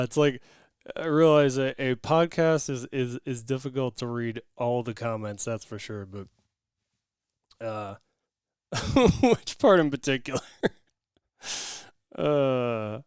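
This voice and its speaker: A man's voice: medium pitch, slow pace, long pauses, smooth, no room sound, studio quality. A man hosting a casual podcast, laughing often and talking loosely with restarts. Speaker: podcast host.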